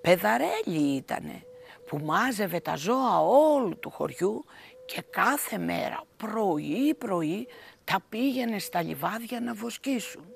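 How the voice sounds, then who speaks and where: A woman narrating an old folk tale in a slow, expressive way. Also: medium pitch, gravelly, slight background noise. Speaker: storyteller.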